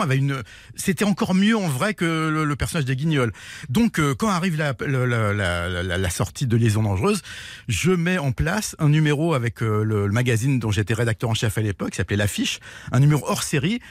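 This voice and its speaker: Husky man telling a radio anecdote. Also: mid-range voice, dry recording, clean studio sound. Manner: hesitant, many restarts, acts out shouting quotes. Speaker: music journalist and storyteller guest.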